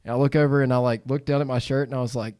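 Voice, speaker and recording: A man hosting a podcast in a studio, telling stories in a lively, laughing way. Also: medium pitch, rapid-fire, dry recording. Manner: animated storyteller, laughs while telling. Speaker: podcast host. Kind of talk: casual podcast chat.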